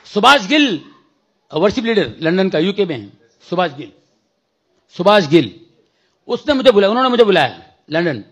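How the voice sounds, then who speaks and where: In a church sermon testimony, a man with a high, sing-song, slightly rough voice tells a story at a moderate pace with long pauses. He acts out the dialogue, mixes in English phrases, and bursts into shouting prayer.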